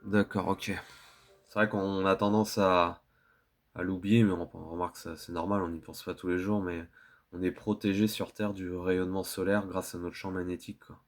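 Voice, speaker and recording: A man's voice: deep voice, level tone, normal speed, soft background music. A man giving casual gameplay commentary, thinking aloud in colloquial language as he plays. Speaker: video game streamer.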